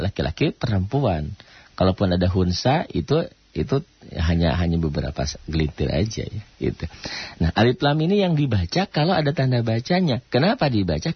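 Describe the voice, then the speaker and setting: A man leads a radio call-in lesson on Quran recitation, his voice low and slightly rough. He keeps posing questions and answering them himself, stretching out chanted examples. The lo-fi broadcast sound is dry and dull. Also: no echo.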